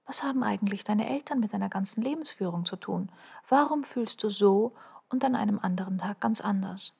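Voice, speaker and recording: A woman's voice: mid-range voice, a little fast, gravelly, darkish tone, husky. A woman reading her own first-person motivational text aloud, earnest and intimate, often dropping to a half-whisper and pressing the listener with urgent questions.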